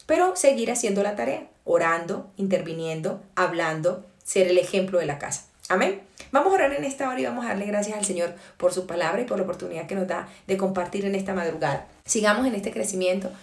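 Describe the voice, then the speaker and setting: A woman giving an early-morning devotional sermon, preaching earnestly and emphatically with slow, stressed phrases and rhetorical questions. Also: mid-range voice, a little mellow, echoey room.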